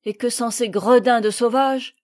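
A woman reading the lines of an emotional, rough sailor in a storybook, with a bright voice in a dry room. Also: a little high, a little slow, dry recording. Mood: effusive. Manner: effusive, exclaiming. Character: sailor, middle-aged man, rough, emotional.

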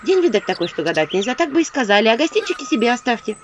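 A woman's voice: a little high, sing-song, rapid-fire, voice pushed up. A woman voicing a sly, fawning village woman with a syrupy, wailing way of pleading. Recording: dull audio with faint noise.

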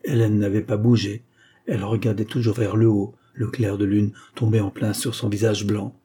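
A man narrating an audiobook in a measured, dramatic reading. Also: on the low side, little pitch movement, mellow, slightly rough. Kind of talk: scripted narration.

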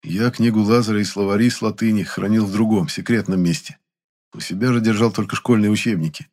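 A man's voice: on the low side, steady tone, quick pace, a little mellow. A man narrating an audiobook in the first person with a wry, ironic tone.

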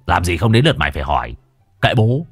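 A man's voice: deep voice, sing-song, fast talker, slightly rough, soft background music, voice pushed down, exaggerated voice. A man voicing a crude, bullying older village strongman who threatens and mocks two young men. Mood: menacing.

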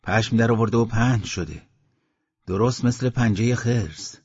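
A man's voice: on the low side, darkish tone, slightly rough, no echo. A man voicing a blunt, agitated young male villager, on a dull lo-fi audiobook recording.

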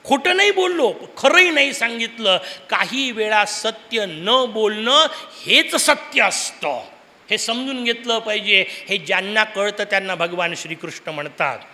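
A man's voice: high voice, animated, measured pace, bright, forceful tone. A man from the giving a Purana discourse, telling stories animatedly and asking the audience rhetorical questions. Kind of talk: religious discourse. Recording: long hall reverb.

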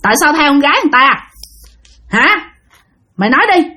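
A woman's voice: high-pitched, animated, brisk, pushed and bright, a little hiss or hum, voice pushed up. A woman voicing a stern older male exorcist master who scolds and threatens, in a Southern Vietnamese accent. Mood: scolding.

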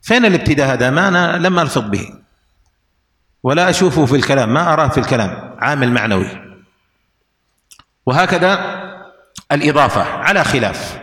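A man's voice: a little high, animated, fairly quick, pauses often, a bit bright, in a large hall. A man teaching an Arabic grammar lesson, explaining rules through repeated examples and questions to his students.

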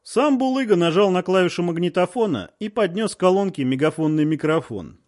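A man narrating a war story in audiobook style, with lively storytelling. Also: high-pitched, brisk.

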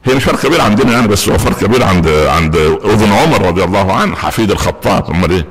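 A man's voice: fairly low pitch, lively intonation, rapid-fire, breathy edge, big-room sound. A man with an Egyptian Arabic accent giving a Friday sermon in a mosque. He tells the story in a humorous, conversational way and makes asides to the congregation. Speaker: preacher.

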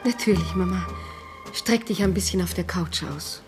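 An actress playing a gentle young wife in a radio play, soothing and loving but frightened. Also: female voice, on the low side, moderate pace, over music, close to an everyday voice. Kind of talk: 1950s German radio play acting.

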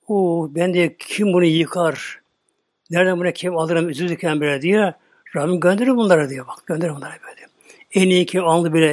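A male preacher retelling a story in a slow, dramatic sermon, often dropping into a whisper. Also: high-pitched, no room sound, clean studio sound.

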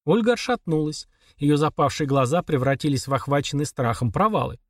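A man narrates an audiobook in an even, measured way. His voice sits a little high for a man, and the recording is dry and close, with no room sound. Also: dry recording. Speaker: audiobook reader. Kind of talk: scripted narration.

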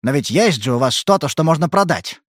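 A man reading an audiobook, voicing a gruff, irritable male detective who talks in a curt, blunt way. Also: on the high side, animated, fairly quick, no room sound, clean studio sound, pitched above the performer's own voice, close to an everyday voice.

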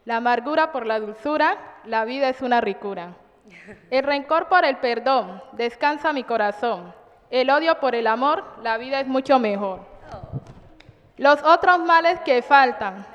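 A woman who reads her own rhyming poem in a measured way and pauses for hesitant asides. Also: high-pitched, expressive. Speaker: community participant reciting her poetry. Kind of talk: poetry recitation. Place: community cultural house. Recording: long reverb, slightly dull sound.

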